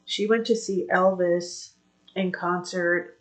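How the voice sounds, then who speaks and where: A woman's voice: on the low side, steady tone, takes it slowly. An older woman co-hosting a casual live stream, chiming in with short, encouraging replies. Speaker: co-host.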